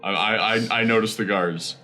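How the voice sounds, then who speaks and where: A man's voice: on the low side, fairly even intonation, normal speed, sharp tone. A man playing a tabletop role-playing game, improvising short lines of table talk. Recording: faint music under the voice. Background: background music.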